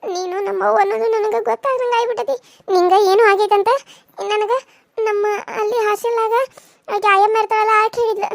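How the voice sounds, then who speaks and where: A woman's voice: extremely high pitch, steady tone, a little fast, creaky, no echo. A woman voicing a tearful teenage village girl who pleads with her mother, with a North Karnataka Kannada accent. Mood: pleading. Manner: pleading, sobbing. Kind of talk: cartoon serial voice acting.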